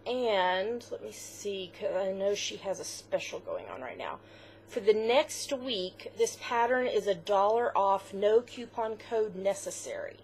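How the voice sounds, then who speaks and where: A woman co-hosting a home knitting podcast, talking in a loose, chatty way full of "um" and "so." Her pitch sits in an ordinary middle range. A faint hiss runs under the recording. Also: expressive, measured pace, a little mellow. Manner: chatty, with fillers, close to tears at times. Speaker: podcast co-host. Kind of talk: casual chat.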